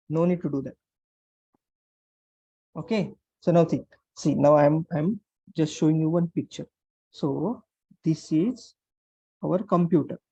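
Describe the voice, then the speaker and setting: With a warm, mid-range voice, a programming instructor speaking Indian English leads an online lesson step by step. Phrases get repeated, and questions confirm that students are following. The call microphone yields lo-fi audio without echo.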